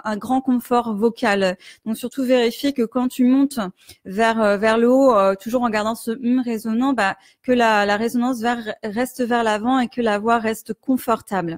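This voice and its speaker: A woman teaching singing in a live stream, explaining resonance gently with many fillers and breaking into hummed and sung demonstrations. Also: a little high, no room sound, studio quality. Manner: demonstrates hums, vowels and sung exercises. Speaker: vocal coach.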